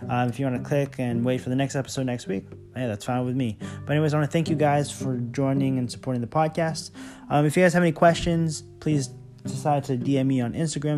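A man hosting a podcast, chatting informally and directly to his listeners. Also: mid-range voice. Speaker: podcast host. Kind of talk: casual podcast chat to listeners.

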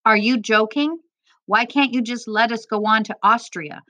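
Lady reading as angry refugee dad, wry jokes gone sour, crisp dry voice. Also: medium pitch, moderate pace, sharp tone, no echo, muffled recording. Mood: furious. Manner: wry joking turning to bitter anger. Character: indignant refugee father, middle-aged man.

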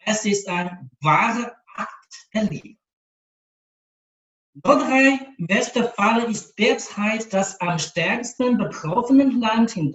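A man with a Chinese accent reads a letter aloud, carefully and haltingly. He speaks very slowly, pausing between phrases, his voice set back from the microphone. The room around him rings with a noticeable echo. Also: high voice, a bit bright, lo-fi sound. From China. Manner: slow, careful, halting reading with pauses. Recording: roomy echo, distant mic.

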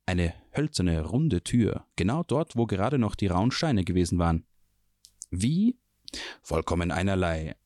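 A man reading a fantasy novel chapter aloud in a calm, even storytelling manner. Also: sits low, moderate pace, hardly any pauses, no echo, clean studio sound. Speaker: audiobook reader. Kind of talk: scripted narration of a fantasy novel.

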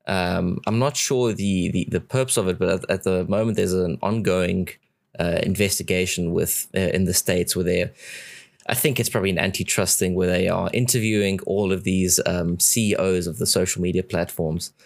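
Low, hesitant podcast man. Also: fairly even intonation, normal speed, creaky, no room sound, studio quality. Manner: hesitant, many fillers and restarts. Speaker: podcast co-host. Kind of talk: casual panel chat.

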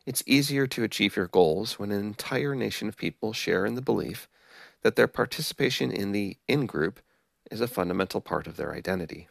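Low gravelly guy narrating his podcast script, dry sound, careful and explain-y. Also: lively intonation, a bit bright, dry recording. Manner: measured, explanatory, apologetic about pronunciation. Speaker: podcast host.

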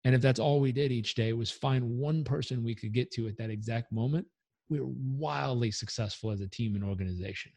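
A man's voice: mid-range voice, fairly quick, creaky, dry recording. Upbeat man coaching on a podcast. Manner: energetic, motivational, leads breathing exercise aloud. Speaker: guest, coach. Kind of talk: podcast interview.

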